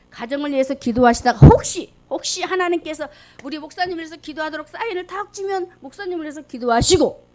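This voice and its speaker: A woman with a high voice preaches a fervent sermon. She talks in an animated, exclamatory way, rising to loud calls and dropping to hushed asides. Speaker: lay preacher.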